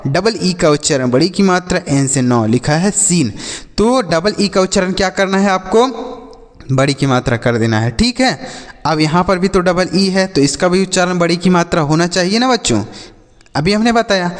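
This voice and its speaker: A man's voice: a little high, in a large hall. A man teaching a phonics lesson to children, patient and repetitive, asking questions and then answering them himself. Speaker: English teacher.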